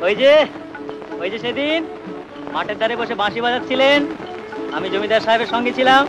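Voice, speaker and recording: An actor playing an eager, friendly servant who chats respectfully in an old Bengali film. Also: male voice, very high voice, brisk, music in the background, low-quality recording.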